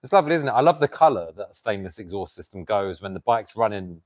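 An animated man in his thirties walks through a custom bike's parts in casual show-and-tell. He speaks outdoors beside a garage door, picked up on a clip-on mic. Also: fairly low pitch, quick pace. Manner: animated, explains with hand gestures. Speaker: custom motorcycle builder. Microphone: lapel mic.

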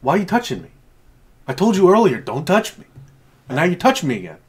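A man's voice: high voice, huge pitch swings, fast, breathy edge. A young man playing a reluctant patient in a comedy sketch, whiny and defensive.

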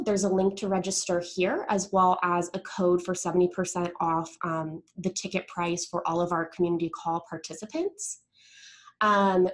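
A woman hosting an online community meetup, presenting informally and upbeat over a video call. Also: medium pitch. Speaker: developer marketing presenter, call host. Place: indoors, remote video call.

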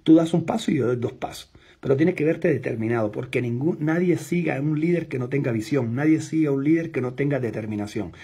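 A man's voice: mid-range voice, fast talker, dark tone, slightly rough. A man coaching his sales team in an intense, emphatic, repetitive motivational talk. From outside Mexico.

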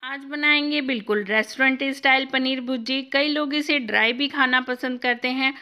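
A woman hosting a cooking channel, giving a clear step-by-step recipe voice-over. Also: high voice, moderate pace, bright, forceful tone.

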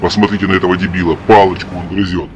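A man's voice: sits low, flat delivery, rapid-fire, darkish tone, a little hiss or hum, close to an everyday voice. A man voicing a sneaky, disgruntled cartoon alien villain who gloats and mutters. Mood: sneaky grumbling. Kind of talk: scripted cartoon voice-over. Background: music.

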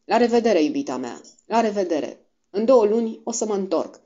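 A woman's voice: mid-range voice, animated, mellow, dull audio, voice pushed up, close to an everyday voice. A woman reading the lines of an earnest young frontiersman in a storybook, speaking tenderly and urgently. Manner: tender, urgent farewell speech.

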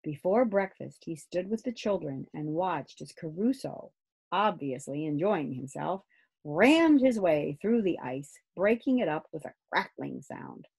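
Gravelly, husky woman reading a story. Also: fairly low pitch, expressive, measured pace, darkish tone. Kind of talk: children's book read aloud.

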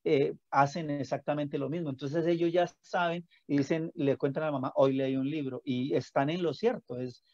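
A man's voice: fairly high pitch, steady tone, moderate pace, hardly any pauses, dark tone, dry recording. A man interviewing a teacher, asking questions in an informal way. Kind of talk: conversational interview. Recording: dry dull lo-fi audio.

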